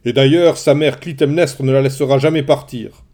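A man voicing a proud, quick-tempered male warrior king who gives loud, commanding outbursts in a storybook reading. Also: mid-range voice, lightly acted.

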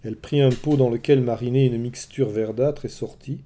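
A man reading a storybook aloud in a measured, expressive narration. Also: mid-range voice.

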